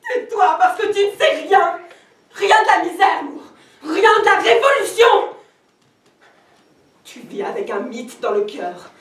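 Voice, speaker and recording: A woman's voice: high voice, sing-song, moderate pace, hardly any pauses. A woman acting an anguished exiled poet and fierce mother in a stage play, intense and given to furious outbursts. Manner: intense, swings from pleading to furious shouting. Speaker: actress. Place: theater stage. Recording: echoey hall, miked from far off.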